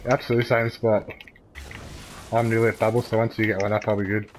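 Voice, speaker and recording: A young man chatting casually while he plays a shooter, excitable, swearing and laughing, calling out plays to his team. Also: on the low side, slight background noise. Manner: excitable, swears and laughs a lot, gives quick calls. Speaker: gamer recording his play. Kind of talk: casual gaming chat with teammates.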